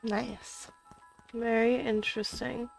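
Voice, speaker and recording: A woman's voice: a little high, little pitch movement, slow, gravelly, rough recording. A woman giving casual commentary as she plays through a game. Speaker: game player and host. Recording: faint music behind. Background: game music.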